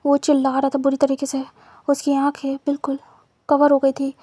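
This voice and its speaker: High-voiced woman narrating a story. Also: completely flat delivery, moderate pace, warm tone, no room sound. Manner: plain, repetitive retelling.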